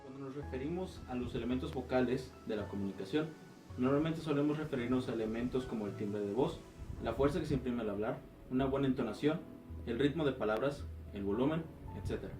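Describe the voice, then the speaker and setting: A man's voice: medium pitch, a little fast. Man, class presentation, explanatory, echoey room, far from mic, background music. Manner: explanatory, with fillers and restarts. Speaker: student presenter.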